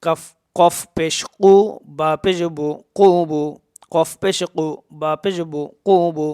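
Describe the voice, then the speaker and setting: A man teaches Quran reading in a voice that is smooth, resonant, fairly high, steady and darkish. He spells out syllables and chants the verses slowly and drawn out, then explains the rules at a quick pace.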